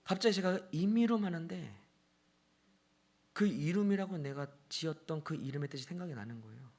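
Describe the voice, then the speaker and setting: A man in his thirties or forties preaching a sermon, telling a family story and swinging from hushed, near-whispered lines to loud, excited ones while asking the congregation questions. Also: fairly high pitch, normal speed. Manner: addresses the congregation directly with questions.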